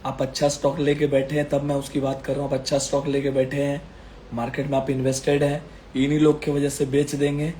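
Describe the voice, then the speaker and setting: A man's voice: mid-range voice, monotone, fairly quick, mellow, a little hiss or hum. A man giving stock market commentary while unwell, his throat strained and coughing, repeating phrases emphatically to reassure viewers. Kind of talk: casual market commentary video.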